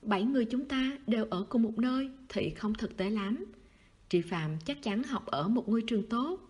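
Woman voicing a soft wistful schoolboy. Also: animated, normal speed, breathy edge. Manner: soft, low-key, sighing. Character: wistful teenage schoolboy, quiet and clingy.

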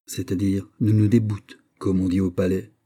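A man reading aloud, voicing a gracious, gently spoken French courtier in an audiobook. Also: low voice, level tone, normal speed, slightly rough. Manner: soft, gracious.

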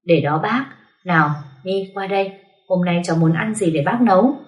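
A woman's voice: on the low side, expressive, normal speed, recorded from a distance, dull audio, natural voice. A woman voicing a kindly housekeeper in her late fifties with a homely way of talking. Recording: roomy echo.

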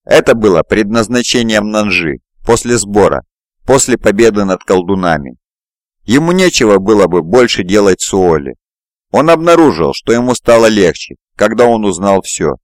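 Man, low voice, steady fantasy narration, dry close mic. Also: moderate pace, no echo. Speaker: audiobook narrator. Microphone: close mic, home recording.

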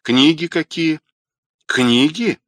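A man's voice: mid-range voice, big pitch swings, slow pace, fairly bright tone, husky, no room sound, pitched above the performer's own voice, full character voice. A man doing an irritated man woken by a call. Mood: dry. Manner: dry, reluctant, then sharply protesting.

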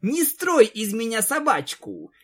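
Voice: mid-range voice, big pitch swings, unhurried, pitched above the performer's own voice. A reader voicing a stubborn, caring female farm pony in a storybook reading, speaking firmly and persistently. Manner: firm, homely and persistent.

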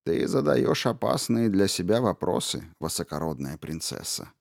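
A man voicing an old witch who was once a fairy queen, bitter and guarded, in a hushed, slow, menacing tone for an audiobook. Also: low-pitched, very animated, gravelly, no room sound, clean studio sound, full character voice. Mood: guarded, weary. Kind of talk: audiobook character reading.

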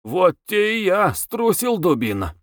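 A man voicing an excited, chatty bearded townsman who tells things in a brisk, hurried way, in an audiobook. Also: sits high, dry recording, studio quality, pitched above the performer's own voice.

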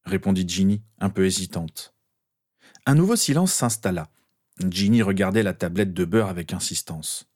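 A man narrating an audiobook in a steady, even reading voice. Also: low-pitched, normal speed.

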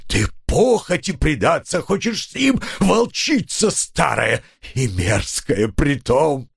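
A man voicing a self-pitying, melodramatic husband who whines through his nose in a drawn-out, declaiming way. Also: a little high, very animated, creaky, breathy edge, pitched above the performer's own voice, full character voice. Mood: whining. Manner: drawn-out nasal whining, declaiming in verse. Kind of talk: audiobook character voice.

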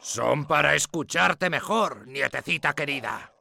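A man voicing a sly, hungry wolf who talks in a falsely sweet, slow, coaxing way in a storybook reading. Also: on the high side, animated, vocal fry, bright, forceful tone, dry recording, clean studio sound, voice pushed up, heavily acted.

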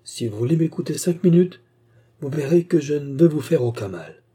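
A deceitful kidnapper speaks with smooth, insistent courtesy, as a male narrator voices him. His voice is dark and husky. The lines are delivered with firm emphasis. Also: fairly high pitch, expressive, moderate pace, pitched above the performer's own voice. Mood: insistent, falsely kind.

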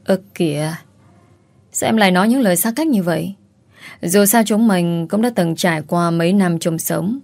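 A woman's voice: fairly low pitch, moderate pace, gravelly, darkish tone, no room sound. A woman voicing a brutal, abusive ex-husband, coarse and threatening. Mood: leering.

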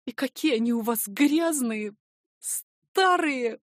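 A woman's voice: a little high, lively intonation, normal speed, dry recording, studio quality. A woman reading the part of a tearful, hardworking young woman who pleads and fusses. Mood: pleading.

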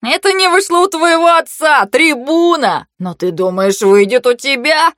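A woman voicing a mocking, panicky young nobleman who swings from sneers to shrill outbursts, in a storybook reading. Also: unhurried, no room sound, studio quality, lightly acted.

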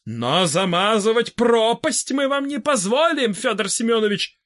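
A man's voice: very high-pitched, lively intonation, fairly bright tone, exaggerated voice. A man playing a pompous preachy scientist. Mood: lecturing. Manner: slow, preachy, full of slogans. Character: pompous middle-aged male scientist demagogue. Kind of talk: audiobook character reading.

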